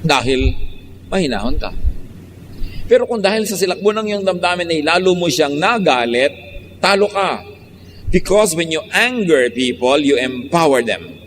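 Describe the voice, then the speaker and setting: A man's voice: fairly high pitch, very animated, normal speed, fairly bright tone, big-room sound, slight background noise. A man from the Philippines with a Filipino accent preaching a sermon, switching between Tagalog and English in an emphatic, teasing way.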